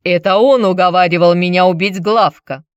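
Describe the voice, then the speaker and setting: A huge, simple-hearted strongman speaks bluntly, as a woman reads him. The voice is low and dry, close to the mic. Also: steady tone, normal speed, no room sound, lo-fi sound, close to an everyday voice. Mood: angry.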